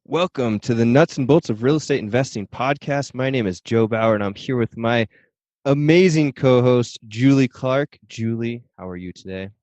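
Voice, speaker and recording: A man's voice: mid-range voice, normal speed, darkish tone, no room sound, lo-fi sound. A man hosting a podcast in casual chat, telling stories in an easygoing, slangy way. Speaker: podcast host.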